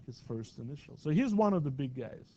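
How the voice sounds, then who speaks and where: A man's voice: medium pitch, very animated, a little fast, dark tone, muffled recording, a little hiss or hum. A man teaching a math class in a classroom, chatty and often asking his students questions. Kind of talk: classroom lecture.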